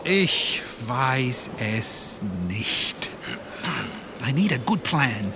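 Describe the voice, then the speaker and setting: A man playing an earnest hero caught in a time loop in an audio drama, speaking slowly and deliberately. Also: mid-range voice, animated, background noise. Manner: slow, deliberate, then urgent. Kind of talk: audio drama for language learners.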